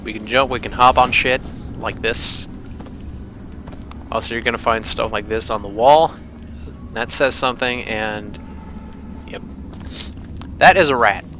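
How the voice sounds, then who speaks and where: Brief: male gamer, mid pitch, rambling offhand jokes, clear hiss and noise in an old recording. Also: steady tone, unhurried, pauses often, sharp tone. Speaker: let's play commentator. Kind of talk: rambling let's play commentary. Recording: old noisy gameplay recording.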